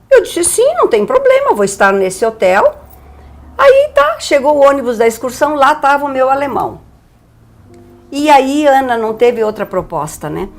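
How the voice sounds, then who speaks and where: Casual older woman, chatty interview guest, light music behind. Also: on the high side. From Brazil. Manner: lively, animated storyteller. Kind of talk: storytelling in a TV interview.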